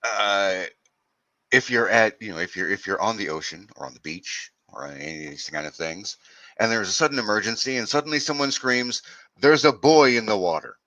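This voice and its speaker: A man's voice: fairly low pitch, expressive, a little fast, bright, forceful tone, no echo, low-quality recording. An American man chatting casually on a video call, explaining at length and often restarting his sentences. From United States. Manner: explanatory, stumbles over restarts. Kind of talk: casual chat.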